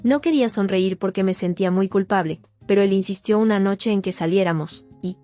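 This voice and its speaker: A woman narrating a first-person testimony as a voice-over, in a steady, sober storytelling manner. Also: mid-range voice, fairly quick. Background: faint guitar music.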